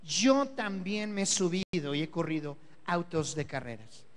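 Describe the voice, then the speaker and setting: A man's voice: on the high side, unhurried, voice pushed down, close to an everyday voice. A man with a Mexican Spanish accent voicing a boastful woman coworker who claims she has done everything, in a sermon anecdote. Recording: long reverb of a church hall.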